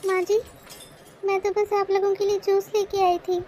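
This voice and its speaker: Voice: extremely high pitch, little pitch movement, normal speed, a little hiss or hum. Someone doing a meek, polite cartoon daughter-in-law. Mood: gentle. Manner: soft, polite, humble. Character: meek, kind young elder daughter-in-law.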